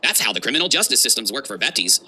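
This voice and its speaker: Mid-range, sing-song and slightly rough, a male livestream host's voice rattles off mocking reaction commentary. He sounds very bright and forceful, leaning hard on sarcasm and emphasis.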